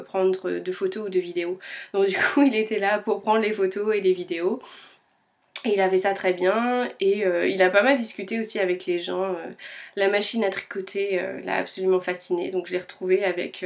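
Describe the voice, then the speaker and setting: A woman's voice: mid-range voice, gravelly. Chatty woman with a slightly strained voice. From France. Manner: chatty, many fillers and hesitations. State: voice a little strained. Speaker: knitting vlogger. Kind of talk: casual chat.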